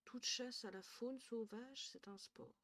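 A tired young Twitch streamer from northern France chats casually with her viewers from a small room at home, thinking aloud. She swears now and then and drops to quiet murmurs. Her voice is a little high and a little slow, captured on a headset.

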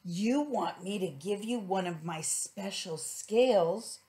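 A woman's voice: medium pitch, slow pace, warm tone, natural voice. A woman voicing a proud, self-important male fish in a children's storybook, with dramatic delivery. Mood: indignant. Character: proud, vain male fish with shining scales. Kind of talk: children's storybook read-aloud.

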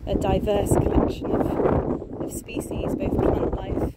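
A nature vlogger in her thirties films a casual walking vlog through woodland and along a beach, talking enthusiastically into a phone held at arm's length with lots of fillers. Her medium-pitched voice is completely flat and slow. The noisy outdoor phone recording picks up distant planes and outdoor ambience.

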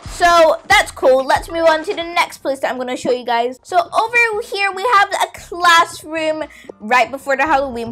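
A young girl hosts a casual, playful game tour, chatting to viewers in an exclamatory way over background music. Her voice is a little high with a fairly bright tone.

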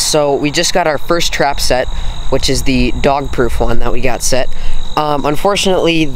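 A teenage boy narrating a relaxed outdoor vlog straight to his viewers, leaning on ums and uhs as he goes. His voice sits at an ordinary pitch for a young man. Crickets and insects hum clearly behind him on the camera mic. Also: poor audio. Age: teens. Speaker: vlogger. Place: outdoors in woods and fields on a farm.

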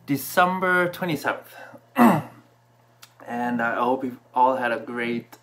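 A man in his thirties who grew up in Canada, telling a personal story to camera from a small room at home, relaxed and reflective, with many fillers. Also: mid-range voice, slow pace. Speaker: vlogger. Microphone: camera in front at desk distance.

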